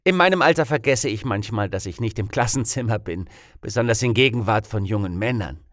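A man voicing a cheerful, chatty old woman schoolteacher who flatters and beams, in a story reading. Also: fairly low pitch, fairly quick, no room sound, studio quality. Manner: bright chirpy raised voice.

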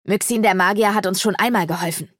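A woman's voice: medium pitch, fast talker, fairly bright tone, no echo, studio quality, natural voice. A woman voicing an earnest, trusting young male companion who protests firmly, in an audiobook.

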